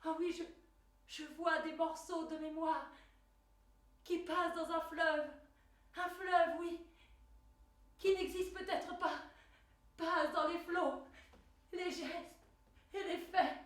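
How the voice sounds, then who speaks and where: An actress playing a bewildered young girl who searches her lost memory, speaking in halting, repeated words and anguished exclamations in a theatre monologue. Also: extremely high pitch, steady tone. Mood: dazed, searching. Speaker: stage actress. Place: theatre stage. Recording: echoey stage recorded from far off.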